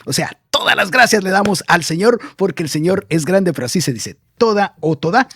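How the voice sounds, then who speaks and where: A man's voice: sits high, animated, fairly quick, pushed and bright, slightly rough, dry recording, clean studio sound. A man hosting a radio program in a casual, chatty way, wandering with fillers and correcting himself as he goes. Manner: chatty and meandering, many fillers and self-corrections. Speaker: radio host. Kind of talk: casual radio talk about travel.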